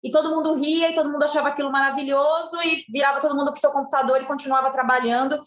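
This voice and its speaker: A woman's voice: high-pitched, little pitch movement, very fast, a bit bright, reverberant. A woman host in a live TV discussion, talking earnestly with a Brazilian accent and repeating her points with many fillers. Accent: Brazilian Portuguese. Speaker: sports show host.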